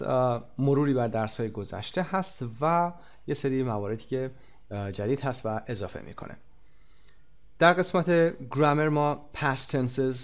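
A man from Iran giving a recorded English lesson, explaining quickly and then modeling each English phrase slowly and deliberately. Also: mid-range voice. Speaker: English teacher.

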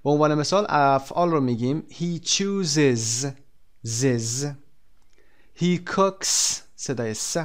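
A male teacher giving a classroom language lesson, explaining in Persian and reading English example words slowly and clearly. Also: fairly high pitch.

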